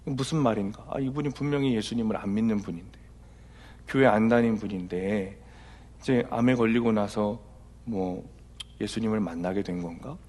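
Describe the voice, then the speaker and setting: A middle-aged man, a senior pastor, giving a conversational sermon, telling personal stories and moving from soft asides to loud, emphatic exhortation. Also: fairly low pitch, normal speed.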